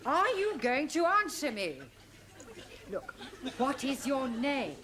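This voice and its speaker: A woman's voice: sits high, big pitch swings, takes it slowly, a bit bright, full character voice. A woman playing a bossy, disdainful figure of authority in a sitcom, with an English accent and an imperious manner. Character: haughty, bossy Englishwoman in charge. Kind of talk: sitcom acting. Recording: noisy 1970s television studio soundtrack.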